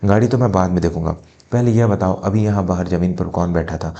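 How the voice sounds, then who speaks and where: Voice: low-pitched, fairly quick, creaky, warm tone, highs cut off. A man playing a stern police commissioner. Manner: authoritative, stern, indignant. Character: stern male police commissioner, protective son.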